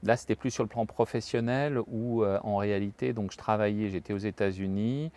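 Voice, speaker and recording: Male interview guest, lowish voice, halting storyteller with frequent fillers. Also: steady tone, mellow. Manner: hesitant, many filler sounds and restarts. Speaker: interview guest, human resources professional. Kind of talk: telling anecdotes in a conversational interview.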